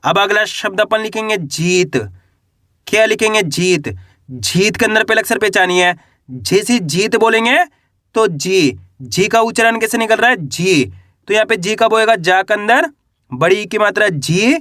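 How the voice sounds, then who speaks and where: A man teaching reading and writing, slowly sounding out syllables and asking his listeners questions. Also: high voice, sharp tone, no room sound, studio quality. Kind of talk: Hindi reading and writing lesson.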